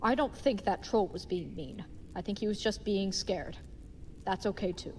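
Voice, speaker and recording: In a lightly acted audio-drama role, a woman voices a big, earnest, dim-witted young knight, using florid, old-fashioned, chivalrous phrasing. Her medium-pitched voice has a darkish tone and lively intonation at a moderate pace, the mood gentle, with slight background noise.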